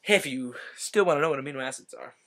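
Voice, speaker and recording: A man's voice: mid-range voice, fast talker, a bit bright. A man casually explaining a biology topic in a rambling way, correcting himself often and cracking little jokes. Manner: rambling, self-correcting, joking asides.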